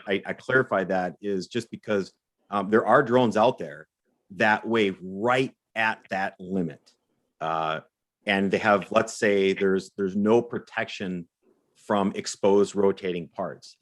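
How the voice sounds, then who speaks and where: A man with a fairly low voice co-hosts a live Q&A and walks viewers through the rules. He explains things methodically and often stumbles over a repeated word before getting his point out. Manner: explanatory, repeats words when restarting. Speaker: co-host.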